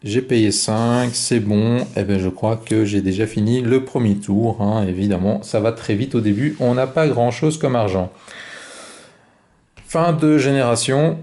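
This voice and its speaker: A man calmly talking through his own board game turn, explaining each card and move step by step. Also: mid-range voice, unhurried. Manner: calm, methodical, explains each move aloud. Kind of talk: solo board game playthrough commentary.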